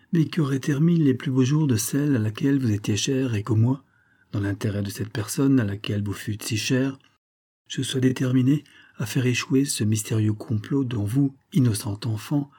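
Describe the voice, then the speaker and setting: A man's voice: mid-range voice, mellow, breathy edge, lightly acted. A man doing a silky, scheming army major. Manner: coaxing, honeyed, then contemptuous. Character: smooth, scheming middle-aged army major.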